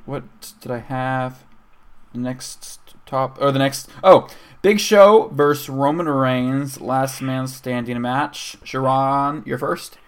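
A man hosting a casual podcast chat, brisk and keen to keep things moving. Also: medium pitch, clean tone. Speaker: podcast host. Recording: faint background noise and clicks.

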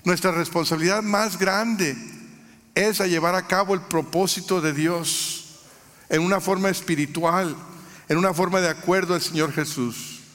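Mexican-born pastor preaching in a reverberant hall. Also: male voice, high-pitched, fairly even intonation, normal speed, fairly bright tone. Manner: earnest preaching with repeated lists and restarts. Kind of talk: sermon.

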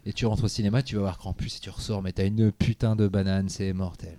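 Casting: quick, warm-toned male film critic, chatty anecdotes, dry close mic. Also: fairly low pitch, no room sound. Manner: animated anecdote-telling, swears casually. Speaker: film critic, podcast co-host. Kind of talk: casual podcast chat.

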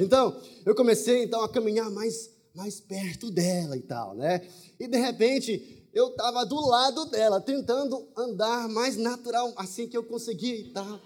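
A man's voice: sits high, darkish tone. A man preaching a humorous testimony to a congregation, telling a story with frequent asides to the audience. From Brazil.

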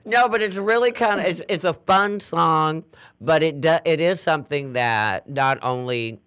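A man's voice: a little high, a little slow, a bit bright, clear, resonant tone, no room sound. Chatty sassy guy hosting a talk show, laughs a lot, dry mic. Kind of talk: casual interview chat.

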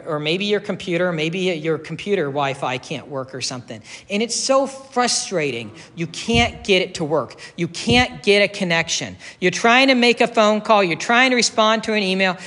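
A man's voice: sits high, expressive, moderate pace, few pauses, sharp tone, long reverb tail. A man preaching a sermon as pastor, conversational and folksy, with casual asides and self-corrections.

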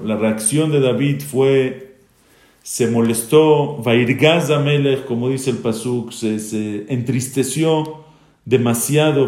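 A man teaching a religious class, moving between chanted Hebrew verses and plain explanation. His voice sits at a middle pitch. He rises and presses hard when he quotes the dramatic lines, all in a roomy, echoing space. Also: dark tone. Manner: reads Hebrew verses then translates, rising and emphatic when quoting.

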